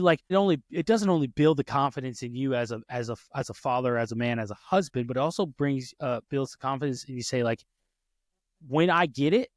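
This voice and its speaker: A podcast host in his thirties tells personal stories in casual talk, often restarting and correcting himself. His voice is mid-range, recorded with studio quality and no room sound.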